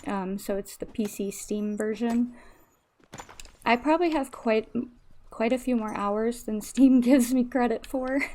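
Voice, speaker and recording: A woman's voice: fairly high pitch, warm tone. A woman live streamer chatting casually and gratefully while playing a game, with a slight lisp from missing front teeth. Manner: grateful, gushing thanks to viewers. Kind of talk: casual livestream gameplay chat.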